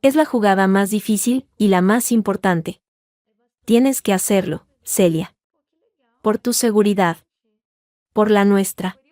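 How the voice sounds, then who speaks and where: A woman voicing a calm, methodical male lawyer giving careful instructions in a read-aloud story. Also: high-pitched, no room sound, studio quality. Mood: earnest. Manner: measured, grave, instructive. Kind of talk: scripted narration.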